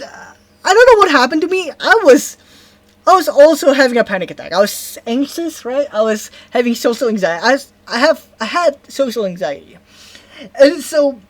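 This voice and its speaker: A young Indonesian woman with an Indonesian accent and a high-pitched voice tells a story in a casual vlog, with no room sound at all. She rambles, stops to correct herself, and keeps asking "right?"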